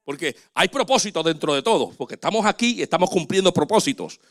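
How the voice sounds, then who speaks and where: A man preaching as a pastor, animated and acting out quoted dialogue. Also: fairly high pitch, fast talker. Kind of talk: sermon.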